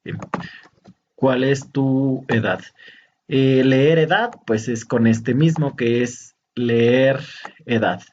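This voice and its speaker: A man teaching a programming lesson over a screen recording, talking slowly and hesitantly as he points out each step. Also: medium pitch, darkish tone, lo-fi sound, slight background noise. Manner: slow, hesitant, pointing out steps.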